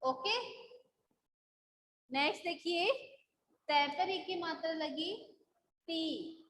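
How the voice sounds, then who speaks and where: A woman's voice: very high voice, drawn-out words, fairly bright tone, reverberant, a little hiss or hum, rough recording. A woman school teacher taking a live online class, patiently drilling syllables and checking that the students follow.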